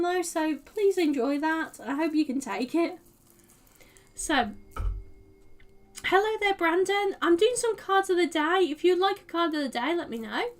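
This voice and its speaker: A woman's voice: high voice, recorded from a distance. A woman giving a casual, rambling tarot reading on a live stream, with many fillers and hedging words. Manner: chatty, meandering, lots of fillers and "like". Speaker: tarot reader.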